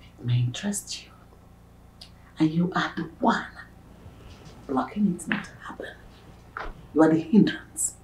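A woman acting a cold, scornful, middle-aged Nigerian stepmother in a film drama, speaking with deliberate disdain. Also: sits low, a little mellow, natural voice. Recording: echoey room with ambient noise.

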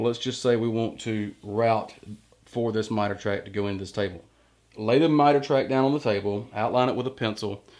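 A man in his thirties, a workshop channel host, explaining step by step how to use a jig while working at the bench in a large indoor woodshop. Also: fairly low pitch. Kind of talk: hands-on workshop tutorial. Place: large indoor woodworking shop.

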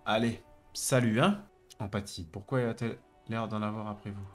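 A man's voice: fairly low pitch, steady tone, moderate pace, soft background music. A young French man commenting on a role-playing game, reading its text aloud, laughing and swearing. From France. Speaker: gameplay commentator. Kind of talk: let's play commentary.

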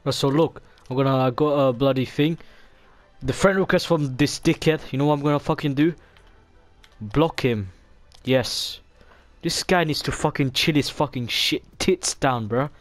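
A man gaming online, swearing loudly and exasperated in casual game chat. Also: medium pitch, normal speed, no room sound, soft background music. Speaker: gaming youtuber.

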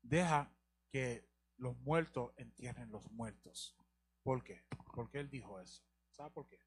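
This Bible teacher's voice is husky, mid-range, and a bit slow. Speaking on a live broadcast, he leans on rhetorical questions and repetition of important lines while guiding the reader along.

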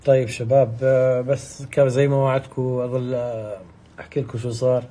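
A man's voice: mid-range voice, little pitch movement, fairly quick, mellow, slight background noise. A man, a YouTuber, talking to his viewers in a vlog, upset and swearing oaths.

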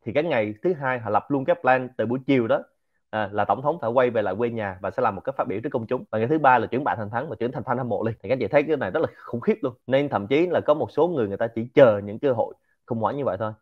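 A man with a Central Vietnamese Quảng Nam accent giving a lively, informal lecture to a community and dropping English words into his talk. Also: medium pitch, racing, narrow, tinny audio. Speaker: speaker hosting a Q&A session.

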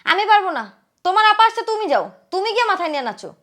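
A woman playing a spiteful young wife who scolds loudly and sneers at her husband's sister. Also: very high-pitched, sing-song, very fast, exaggerated voice. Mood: scornful. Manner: scolding, loud and contemptuous. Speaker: sharp-tongued wife. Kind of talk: short film acting.

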